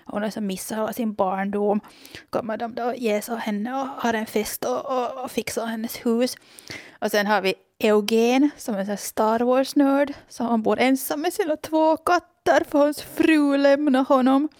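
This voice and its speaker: A woman's voice: on the high side, steady tone, darkish tone, dry recording, studio quality. A woman with a Finland Swedish accent, gushing enthusiastically as a podcast host in casual chat, with many restarts.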